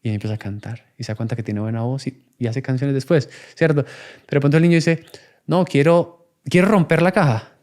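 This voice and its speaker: A man's voice: mid-range voice, fast talker, mellow. A man, talking in a reflective, conversational way as a podcast guest, acting out children and parents in his examples. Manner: acts out child and adult voices in examples.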